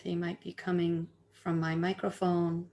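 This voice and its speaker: Speaking very slowly in a fairly low, monotone voice, a woman guides a meditation with gentle, soothing instructions like a teacher. She leaves long pauses between each phrase.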